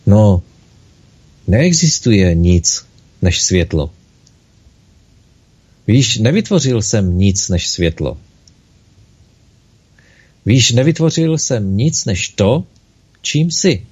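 Give me a patient, smiling God from a storybook tale, as a man reads him, calm and gentle. The voice is dark and husky. The recording sounds dull and lo-fi. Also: fairly low pitch, long pauses. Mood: explaining.

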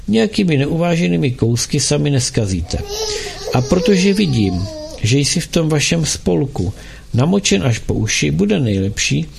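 A man's voice: fairly high pitch, gravelly, a little mellow, breathy edge, heavily acted. A man voicing a stern middle-aged doctor who scolds his son in an authoritative tone.

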